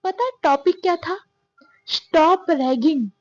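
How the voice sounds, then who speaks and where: A woman's voice: extremely high pitch, measured pace, no room sound. A young woman narrating a story in a chatty, self-mocking, confiding way, as if talking to her viewers. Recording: dull, dry sound.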